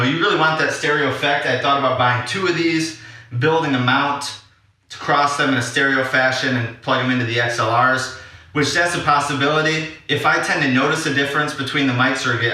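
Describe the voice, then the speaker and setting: In a very echoey room and far from the mic, a man with a mid-range, bright, forceful voice talks fairly quickly and steadily. He's an audio drama maker acting as a vlog host, casually and unscripted explaining his equipment.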